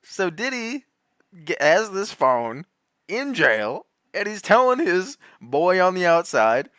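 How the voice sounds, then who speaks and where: A man's voice: sits high, sing-song, takes it slowly, clear, resonant tone, no room sound, clean studio sound. Laughing, heated male commentator. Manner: laughs often, restarts, swings loud and soft. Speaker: commentary host. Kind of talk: animated conspiracy commentary.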